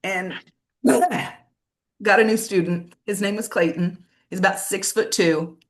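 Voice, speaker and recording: A woman teacher telling a personal story in casual chat, emotional and tearful, halting with many restarts. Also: mid-range voice, steady tone. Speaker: teacher and guest.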